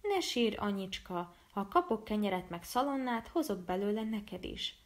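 A woman's voice: mid-range voice, lively intonation, close to an everyday voice. A woman voicing a poor young peasant boy comforting his little sister.

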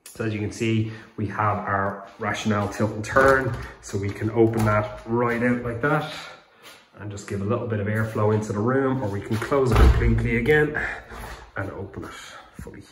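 A man from Ireland giving a relaxed, explanatory walkthrough of his unfinished house, recorded on a handheld phone. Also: on the low side, normal speed. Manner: relaxed, explanatory, many fillers. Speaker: home renovation vlogger. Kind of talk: casual walkthrough narration. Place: unfinished house under renovation, indoors. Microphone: handheld phone camera. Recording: echoey bare rooms, faint background noise.

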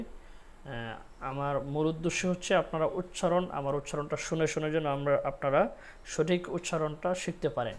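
A man teaching Quran reading, who splits words into letters and repeats each sound. He chants the verses loudly and slowly and speaks his explanations softly. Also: fairly high pitch. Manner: chants the verses slowly and loudly, plain talk soft and quick. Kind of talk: Quran recitation lesson.

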